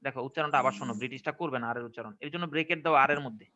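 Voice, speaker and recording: A man's voice: medium pitch, very fast, pushed and bright, highs cut off. A man with a Bangladeshi Bengali accent teaching English pronunciation to a class, often asking whether they follow. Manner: questioning, checks understanding often. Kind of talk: online classroom lesson.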